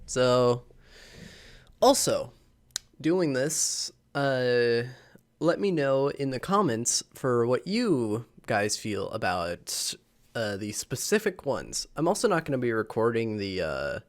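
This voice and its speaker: Taking his time, a young man reads online posts to the camera in a medium-pitched, sing-song voice. He's slightly sick, and this casual vlog, recorded on the camera mic, is full of his rambling, chuckles, and fillers.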